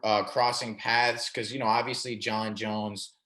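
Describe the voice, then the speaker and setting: A man hosting an interview show, asking questions and affirming answers with quick agreement. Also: on the low side, flat delivery, pushed and bright. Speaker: podcast host. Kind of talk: casual interview.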